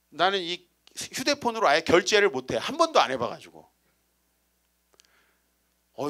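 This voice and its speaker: A man's voice: fairly high pitch, bright, forceful tone. A man in his forties, a guest pastor giving a humorous storytelling sermon in a church, teasing the congregation with rhetorical questions. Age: 40s. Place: church sanctuary.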